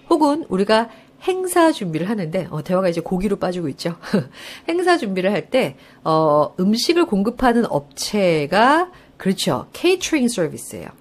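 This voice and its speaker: A woman giving a live online lecture for an English listening test, coaxing students with questions and laughing as she explains. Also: mid-range voice. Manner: lively, coaxing, asks students questions and answers herself; laughs often while explaining.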